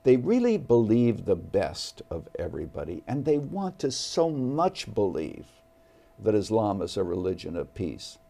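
A man appearing as a studio guest, speaking earnestly and deliberately about faith. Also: fairly low pitch, big pitch swings, creaky, dark tone. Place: television studio.

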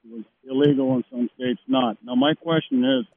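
A man calling in to a radio show, holding his phone away from his mouth so his voice comes through faint and distant. He talks haltingly, with restarts. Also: mid-range voice, big pitch swings, gravelly. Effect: phone held away from the mouth, voice faint and distant. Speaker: radio call-in caller. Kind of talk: call-in radio talk. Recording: tinny phone line.

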